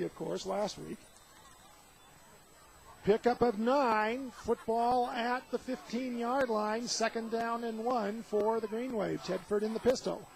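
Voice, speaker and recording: Over the din of an outdoor stadium, an American man calls a football game play-by-play for radio. His voice sits high and has a gravelly edge.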